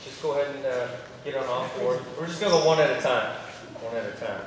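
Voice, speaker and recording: A man with a mid-range voice talks at a quick pace while coaching a football drill, folksy and encouraging as he explains and demonstrates for players and coaches. He is far from the mic in a large indoor training hall, so the audio is echoey and distant, with a crowd of players in the background.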